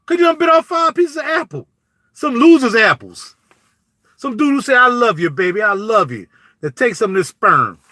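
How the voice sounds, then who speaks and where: A man, riffing in animated, preachy street talk as a YouTube vlogger, recorded close to the mic. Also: very high voice, moderate pace, dry recording. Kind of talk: casual spoken commentary.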